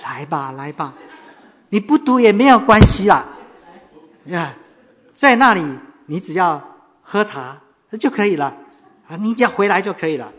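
A man voicing an anxious male gambler who pleads and frets in a high, strained voice. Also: very animated, unhurried, bright, forceful tone, breathy edge, exaggerated voice. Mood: pleading.

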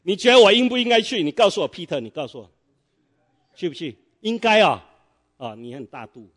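A middle-aged man preaches a sermon in church, his voice high, expressive, brisk and fairly bright. He tells a story and quizzes the congregation with fill-in-the-blank questions.

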